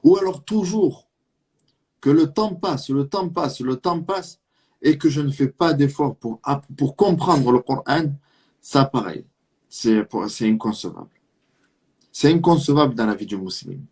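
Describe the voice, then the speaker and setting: An Islamic preacher from Marseille, France, with a southern French accent, speaks at a measured pace in a mid-range voice that is husky and a little mellow. His religious talk is earnest, leaning on rhetorical questions and repeated lines to urge the listener on.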